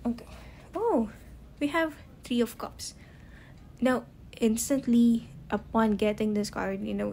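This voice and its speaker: A woman doing a casual tarot card reading to camera, talking haltingly with many fillers and restarted sentences. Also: medium pitch, noisy background. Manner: halting, heavy use of "you know" and "um" fillers; admits to stuttering, restarts sentences. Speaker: tarot reader.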